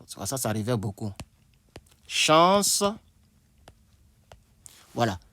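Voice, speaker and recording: A man teaching an English lesson at a board, slowly repeating himself and thinking aloud. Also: mid-range voice, expressive, a bit bright. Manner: slow, repetitive, thinking aloud with asides.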